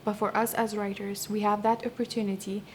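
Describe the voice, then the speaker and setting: Her delivery is flat and her pitch medium as this young poet-translator from the Kurdish region of Iraq, speaking with a Kurdish accent, reflects on interview questions. She pauses and restarts frequently, and there is slight background noise.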